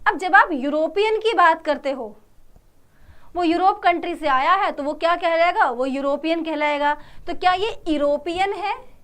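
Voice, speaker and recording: A woman teaching an exam-prep English grammar class, asking the class questions, answering them herself and saying example sentences slowly. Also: extremely high pitch, a bit bright. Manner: slow, drawn-out English model sentences.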